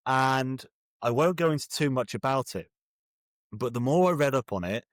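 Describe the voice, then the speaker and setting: With a mid-range voice recorded cleanly in the studio, free of echo, a British man from Birmingham talks as a guest author in a casual interview. He's wry, pausing and correcting himself partway through his thoughts.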